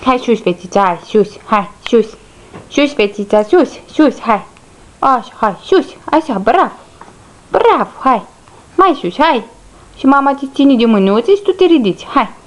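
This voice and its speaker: A woman's voice: fairly high pitch, lively intonation. A woman talking baby talk to her infant daughter, coaxing her with sing-song, repeated words at home. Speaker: mother.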